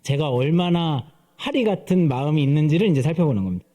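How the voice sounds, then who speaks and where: A man's voice: fairly high pitch, lively intonation, fast talker, warm tone. A man in his thirties preaching a sermon at church, telling stories and playfully mimicking voices. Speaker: pastor. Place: church sanctuary.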